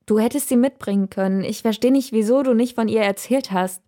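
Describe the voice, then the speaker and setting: A woman's voice: a little high, brisk, warm tone, pitched above the performer's own voice, natural voice. A woman reading a bewildered, caring man. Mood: pleading. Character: confused, caring adult man. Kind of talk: audiobook reading.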